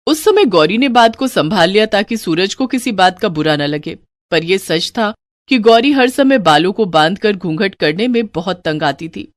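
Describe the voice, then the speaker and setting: A woman narrating a bedtime moral story in a clear, even storybook manner. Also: medium pitch, moderate pace, no echo, clean studio sound. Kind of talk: scripted narration.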